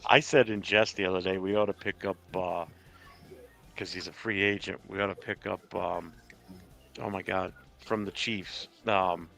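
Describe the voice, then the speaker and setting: A man's voice: low voice, fairly even intonation, normal speed, creaky, a bit bright. A man from Rhode Island hosting a sports podcast, chatting casually and profanely, with a lot of fillers, over faint music. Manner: profane, joking, rambling with fillers. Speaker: podcast host.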